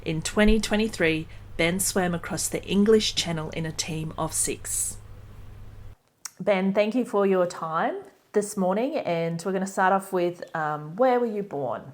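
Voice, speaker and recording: A podcast host with a lowish voice reads a scripted introduction and then poses interview questions. She speaks clearly and at a measured pace.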